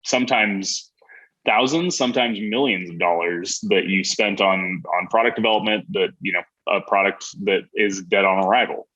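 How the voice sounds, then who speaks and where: A man's voice: sits low, moderate pace, sharp tone. A man who works in marketing, speaking casually in a podcast conversation, full of "you know" and "like". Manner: chatty, many fillers like "you know" and "like". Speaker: marketing guest. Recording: muffled lo-fi audio.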